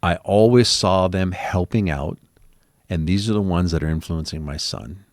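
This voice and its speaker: Interviewee, man, very low voice, chatty rambling storyteller, dry recording. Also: normal speed, a little mellow, no room sound. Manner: rambling storyteller with many ums, acting out quoted exchanges.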